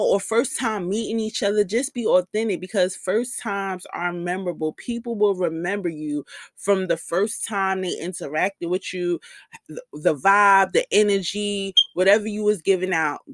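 A young woman chats candidly into a podcast mic, sassy and full of slang as she talks straight to her listeners. Her voice sits at an ordinary middle pitch, and the sound is dry and close with no room around it. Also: dry recording. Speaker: podcast host. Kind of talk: casual storytelling monologue.

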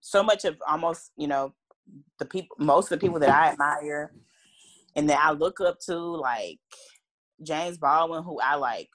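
A woman's voice: sits low, normal speed. A woman co-hosting a podcast in casual chat, slangy and laughing often. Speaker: podcast co-host.

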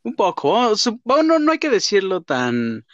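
A man's voice: high voice, wildly swooping pitch, unhurried, a bit bright, no echo, highs cut off. A man with a Mexican accent chatting playfully in slang and swearing as a football podcast co-host. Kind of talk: casual football banter.

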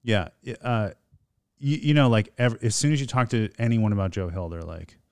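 A man guesting on a podcast, talking casually with a rambling, halting delivery and a goofy streak. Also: on the low side, darkish tone, smooth, no echo. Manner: rambling, many fillers and restarts, goofy.

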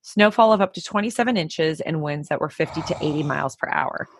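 A woman's voice: low voice, quick pace, a little hiss or hum. A woman co-hosting a podcast, telling a story in a casual, chatty way with many fillers. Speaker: podcast co-host. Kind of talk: casual chat.

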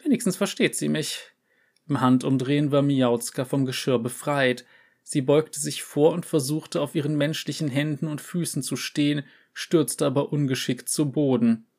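A man's voice: a little high, fairly even intonation, moderate pace, a little mellow. Man reading a short story aloud. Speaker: narrator.

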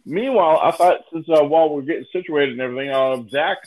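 A man's voice: on the high side, fast, a little mellow. A man hosting a casual online call, hesitant and full of fillers, speaking into a laptop mic. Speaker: host of an online call show. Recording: dull lo-fi laptop audio.

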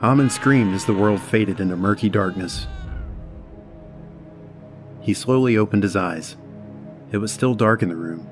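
A man giving a measured, dramatic scripted horror narration. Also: fairly low pitch, faint music behind.

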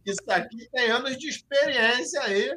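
A man hosting a casual live-stream football chat, loud and joking, swearing freely. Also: very high voice, normal speed, very noisy. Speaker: show host.

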